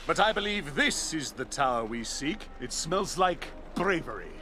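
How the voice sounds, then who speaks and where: A man's voice: fairly high pitch, sing-song, normal speed, bright, forceful tone, slight background noise. A man playing a boastful old-fashioned explorer hero in a video game, pompous, theatrical and given to exclaiming. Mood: proud, exuberant. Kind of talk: video game character acting.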